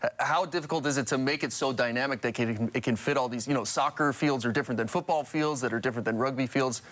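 A man's voice: mid-range voice, a bit bright. A man, interviewing guests as a morning news anchor in a TV studio. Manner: quick, conversational, with restarts.

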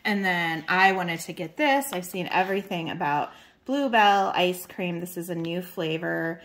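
A woman's voice: on the low side, a little slow, fairly bright tone. Woman chatting through a grocery haul at home, casual, lists stuff, lots of um's. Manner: chatty, lists items with fillers. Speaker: channel co-host. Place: home kitchen, indoors.

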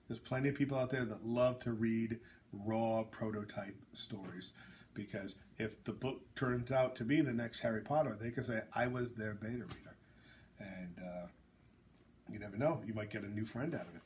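A man's voice: on the low side, fairly even intonation, normal speed, darkish tone, a little hiss or hum. Blunt joking man in casual chat. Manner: blunt, joking, rambling with fillers. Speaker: author and host.

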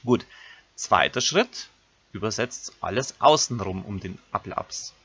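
A lower-pitched man teaches a recorded grammar lesson, walking his pupils through each step. His voice is husky yet bright and forceful. The recording sounds dull and lo-fi. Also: expressive, a little slow. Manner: explains step by step, addressing pupils directly. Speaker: Latin teacher.

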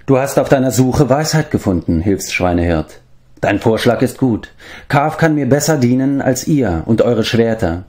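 A man's voice: mid-range voice, lively intonation, moderate pace, darkish tone, pitched above the performer's own voice, natural voice. A man voicing a stern, resolute male warrior lord who speaks in a grave, commanding way.

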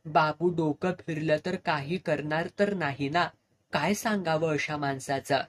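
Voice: mid-range voice, fairly even intonation, unhurried. A storyteller narrating a tale and voicing its village characters in dialect. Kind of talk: Marathi story narration with voiced dialogue.

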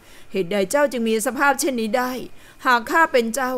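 A woman voicing a cool, composed young noblewoman in an audio novel, speaking in a measured, disdainful way. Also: sits high, a bit bright. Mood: cold.

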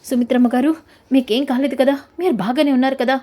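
A woman's voice: sits high, fairly even intonation, quick pace, dark tone. A woman reading the lines of a brave young daughter pleading with her mother in a retold TV serial. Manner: pleading, then crying out.

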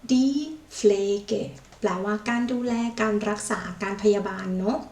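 A woman teaching a vocabulary lesson, saying each foreign word slowly, repeating it, and adding polite particles. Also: mid-range voice, a little mellow. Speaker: language teacher. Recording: echoey room, mic far off.

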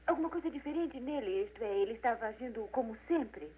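Brief: actress as a nervous society baroness, stammering, slightly high voice, lo-fi 1940s dub sound. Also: female voice, lively intonation, fast, close to an everyday voice. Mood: anxious. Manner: stammering, hesitant and anxious. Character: anxious suspicious baroness, society wife. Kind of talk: 1940s Brazilian Portuguese film dub. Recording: tinny old film dub with hiss.

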